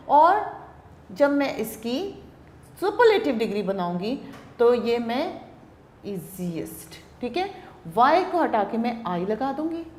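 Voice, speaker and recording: Slow, echoey-voiced Pakistani woman teacher. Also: fairly high pitch, darkish tone. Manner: explains slowly, spells out words letter by letter, often asks "theek hai". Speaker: English teacher. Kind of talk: classroom grammar lecture.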